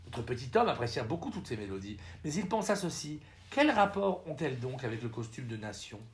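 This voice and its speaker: A man narrating a novel as an audiobook reader, telling the story in an expressive, ironic manner. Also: medium pitch, fairly quick.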